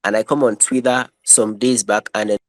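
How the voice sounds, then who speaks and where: A man's voice: fairly low pitch, little pitch movement, normal speed, no echo, studio quality. A man speaking as a guest in an online audio chat, enthusiastic and prone to repeating himself, his connection cutting in and out.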